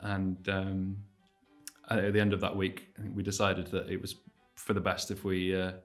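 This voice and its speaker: A man's voice: low voice, normal speed, soft background music. A man with a North Welsh accent, a folk trio musician, casually introducing his band with jokes and restarts. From North Wales. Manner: relaxed, joking, restarts a lot.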